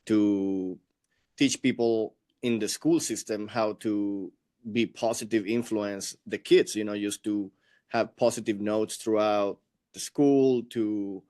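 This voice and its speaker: A man's voice: on the low side, steady tone, darkish tone. Earnest man with a Venezuelan accent. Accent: Venezuelan Spanish. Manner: earnest, reflective, unhurried storytelling. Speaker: guest. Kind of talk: conversational interview storytelling.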